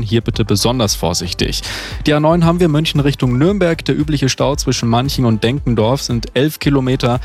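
A man gives the traffic news on the radio in a relaxed, chatty tone, talking to drivers as if they were friends. His voice sits in an ordinary middle pitch. A faint music bed runs underneath. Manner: casual, friendly, addresses listeners directly. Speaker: traffic reporter. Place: radio studio. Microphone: studio mic.

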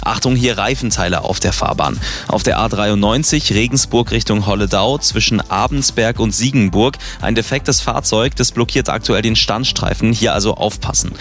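Man, traffic reporter, fairly low voice, brisk and informal, faint music underneath. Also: a bit bright. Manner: brisk, informal, addresses listeners directly. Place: radio traffic centre.

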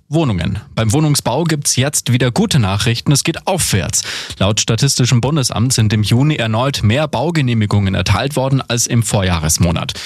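A man reading a regional radio news bulletin in a brisk, upbeat way. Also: medium pitch, husky, no room sound, studio quality. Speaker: radio newsreader. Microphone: studio microphone.

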